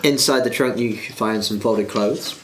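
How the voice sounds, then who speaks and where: A man with a low voice narrates as game master. He describes rooms and loot haltingly, making it up as he goes. There is faint noise behind him. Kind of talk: improvised tabletop game narration.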